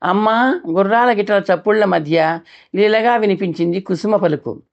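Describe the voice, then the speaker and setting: A woman narrating a novel as an audiobook reader, steady storytelling with small restarts. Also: medium pitch, moderate pace, gravelly, lo-fi sound.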